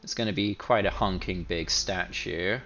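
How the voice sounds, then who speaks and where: A man with a low, gravelly voice and a bright edge runs a tabletop game as game master. He talks casually, with lots of hesitant fillers. The audio is muffled, with faint music underneath. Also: moderate pace.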